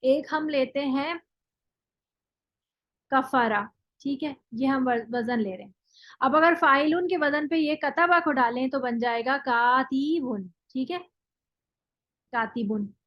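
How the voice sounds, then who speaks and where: A woman's voice: high voice, takes it slowly, long pauses, no echo, highs cut off. A woman teaching Arabic grammar in a classroom lecture, explaining step by step, checking in with her listeners and drilling word forms one by one; her first language is Urdu. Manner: explains step by step, often checks with "thik hai".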